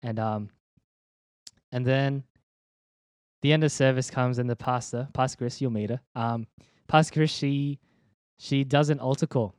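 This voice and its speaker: Young man, church leader sharing his testimony, casual and slangy, mid-pitched, dry close sound. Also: steady tone, darkish tone, no echo. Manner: laid-back and slangy, calls the listener dude and man; halting, many ums and restarts. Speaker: interview guest, church leader. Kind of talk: personal faith testimony in casual chat.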